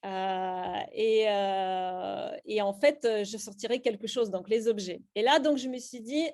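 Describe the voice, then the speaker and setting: A middle-aged Russian woman with a Russian accent leads a slam poetry workshop, explaining her writing amid many hesitant fillers and restarts. Her voice is medium-pitched, a little mellow, and unhurried.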